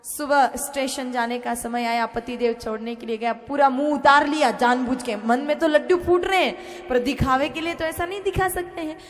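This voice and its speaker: A woman's voice: high-pitched, moderate pace, hardly any pauses. A woman sadhvi preaching a devotional storytelling sermon, addressing her listeners as brothers and sisters. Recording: reverberant hall.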